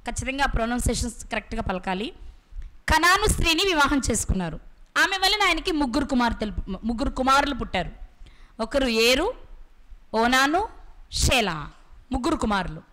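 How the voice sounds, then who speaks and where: A woman preaching a Bible sermon. She puts questions to her listeners and answers them herself, and she slows down to stress key words and scripture. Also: sits high, pushed and bright.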